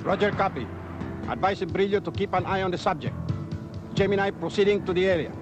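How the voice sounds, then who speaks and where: A terse police commander barks clipped orders over a crackling police radio. His voice sits a bit high and sounds dull and muffled, the way an old film soundtrack does, with music running underneath. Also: a little fast. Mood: brisk. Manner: clipped radio procedure talk. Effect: police radio transmission. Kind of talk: 1980s Filipino action film acting.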